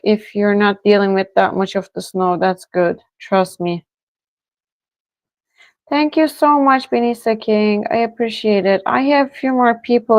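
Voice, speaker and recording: Speaking in a mid-range voice with no echo, a woman from Turkey runs a tarot livestream. She's slow, relaxed and chatty with her viewers, breaking into soft laughs.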